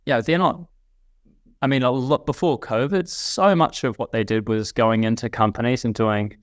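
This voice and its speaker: A man speaks as an interview guest, his voice smooth and clear. He talks in a thoughtful, reflective way, often restarting his sentences. The sound is close and dry, with no room around it. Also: medium pitch, moderate pace, no echo. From New Zealand. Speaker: guest, company CEO. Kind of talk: casual interview chat.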